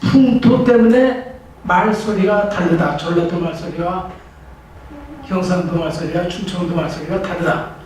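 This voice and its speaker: Captured from a distance in an echoing, noisy library training room, an older man lectures publicly as a professor. His voice sits high and is a little mellow, and he talks conversationally, restarting sentences and posing rhetorical questions.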